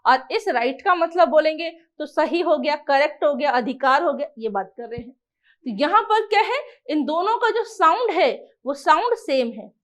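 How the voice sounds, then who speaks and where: A young woman teaching an English exam lesson in a lively coaching style, asking questions and answering them herself. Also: high-pitched, moderate pace.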